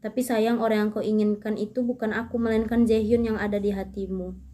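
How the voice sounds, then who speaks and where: A woman's voice: mid-range voice, flat delivery, brisk, dark tone, slight background noise, pitched below the performer's own voice, natural voice. Taeil, a woman reading as a dying young man. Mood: wistful letter. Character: gentle dying young man saying farewell.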